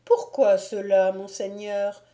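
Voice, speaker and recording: A woman's voice: mid-range voice, flat delivery, slow, mellow, lightly acted. A woman voicing a sweet, humble teenage peasant girl who speaks beseechingly, in a storybook reading. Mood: pleading.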